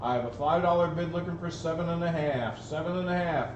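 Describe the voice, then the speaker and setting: A man's voice: on the high side, fast. A man working as an auctioneer at a live auction, calling bids repetitively with folksy, casual banter. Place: auction gallery room, livestream. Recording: roomy, distant mic, dull, noisy.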